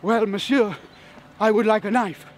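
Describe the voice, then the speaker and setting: A man's voice: sits high, moderate pace, slight background noise, close to an everyday voice. A man voicing a proud, defiant Frenchman in a joke, with a put-on French accent.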